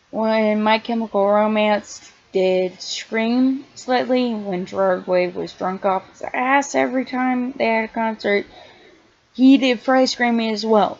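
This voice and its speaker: Quiet, slow-talking young woman. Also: mid-range voice, lo-fi sound. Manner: halting, many fillers and restarts, self-described quiet and awkward on camera. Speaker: vlogger. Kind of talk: casual explanatory vlog. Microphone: iPad held close.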